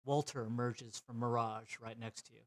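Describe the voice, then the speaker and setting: A man narrating a tabletop game as game master, in a relaxed, descriptive way. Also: medium pitch, normal speed.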